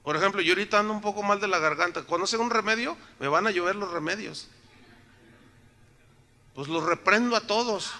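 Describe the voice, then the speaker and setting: Pastor preaching, jokey and conversational with the congregation; high, very bright voice. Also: male voice, vocal fry. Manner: joking, asks the congregation rhetorical questions. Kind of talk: sermon. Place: church, in front of a congregation.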